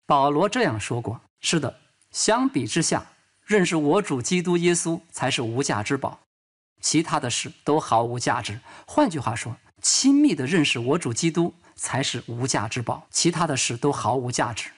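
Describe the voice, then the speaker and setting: A man with a slightly high, husky voice delivers a dubbed sermon. He tells a personal testimony in an earnest, steady storytelling manner. He weaves scripture quotations into the account. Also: moderate pace. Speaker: preacher.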